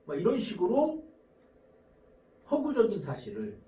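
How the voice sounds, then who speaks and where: A psychology professor lectures to camera with a lively, swinging pitch, often posing rhetorical questions and answering them. Quick questioning asides keep breaking in. The voice sounds far from the mic, with plenty of room echo. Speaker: psychology professor giving relationship advice. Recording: roomy sound from a distant mic.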